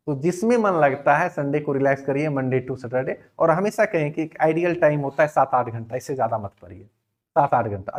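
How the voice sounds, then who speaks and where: A man's voice: fairly high pitch, darkish tone. A man, giving a casual coaching lecture and asking his students rhetorical questions. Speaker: exam coaching teacher.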